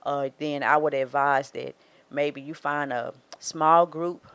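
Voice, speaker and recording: A woman's voice: sits low, steady tone, slow, a bit bright, clear, resonant tone, dry recording. Southern woman, 40s, marriage coach, earnest and advising, dry close mic. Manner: earnest, advising, acts out quoted thoughts. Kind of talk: casual faith-based podcast talk.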